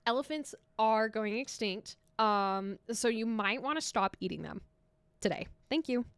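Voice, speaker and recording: A woman's voice: on the high side, expressive, a little slow, a bit bright, clean tone, no room sound. A young American woman streaming live, chatting casually and teasing her viewers with frequent laughter. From United States. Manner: giggly, teasing, laughs often.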